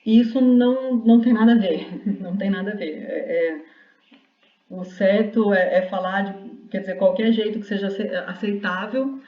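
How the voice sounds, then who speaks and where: Woman lecturer, explaining at length, mid pitch, heard from a distance in a dull, echoey room. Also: normal speed. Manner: explanatory, with many restarts and rhetorical "né?". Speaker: university lecturer. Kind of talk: online class lecture. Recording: roomy, distant, dull lo-fi sound.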